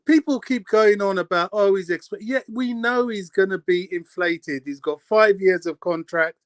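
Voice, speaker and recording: A man's voice: sits high, moderate pace, no room sound. A man co-hosting a football fan show, ranting passionately in casual chat. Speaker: co-host.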